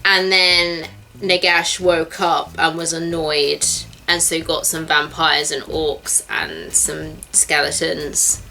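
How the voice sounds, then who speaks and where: A woman's voice: low voice, flat delivery, slow pace, creaky, sharp tone, poor audio. A woman chatting casually as a co-host, loosely phrased and acting out imagined bits of dialogue. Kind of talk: casual chat.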